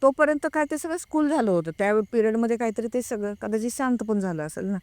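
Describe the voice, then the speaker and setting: A woman telling a personal story in a casual, hesitant way. She pauses to recall details. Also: on the high side, expressive, darkish tone, no room sound. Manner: reenacts a friend's frightened words. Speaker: guest recounting a personal experience.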